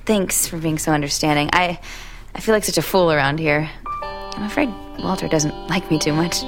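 A nervous chatty young woman, lots of little laughs, gravelly fry in the voice, radio drama. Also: deep voice, normal speed, over music. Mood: anxious. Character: friendly evasive young woman guest.

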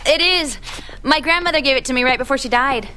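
A woman's voice: high voice, quick pace, sharp tone, a little hiss or hum. An actress playing a friendly but evasive young woman in a radio drama, chatty with nervous little laughs. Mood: anxious.

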